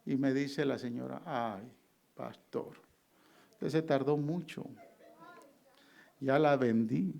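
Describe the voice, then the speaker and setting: A man's voice: mid-range voice, slow, gravelly, long pauses, a little mellow, highs cut off. A male pastor preaching a sermon, telling a personal story and acting out his dialogue with God.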